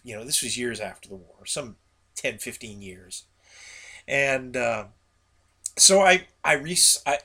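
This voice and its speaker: A man speaks in a gravelly voice with a bright, hard-edged tone at a medium pitch. He delivers a casual solo podcast monologue in a folksy, rambling way, as a host chatting to regular listeners.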